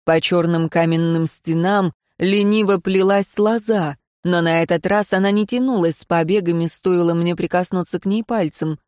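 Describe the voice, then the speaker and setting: A woman reading a first-person fantasy story in a calm, measured narration. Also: lowish voice, no echo, studio quality. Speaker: audiobook narrator.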